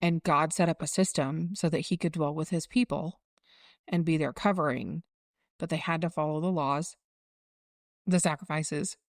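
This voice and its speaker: A woman's voice: low voice, normal speed, dry recording, clean studio sound. A woman in her forties co-hosting a casual faith podcast, reflective and explaining things in a teaching tone. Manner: reflective, circling back, teaching tone. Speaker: podcast co-host.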